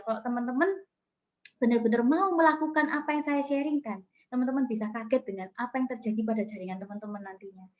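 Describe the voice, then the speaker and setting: Woman mentor chatting through a coaching session, higher voice, muffled video call sound. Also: darkish tone. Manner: chatty, filler-heavy, addresses audience often. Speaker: business mentor. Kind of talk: coaching talk and storytelling.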